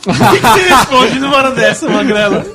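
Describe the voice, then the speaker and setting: A Brazilian man with a high voice talks at a very fast clip, asking incredulous questions in casual podcast banter. Faint music plays behind him.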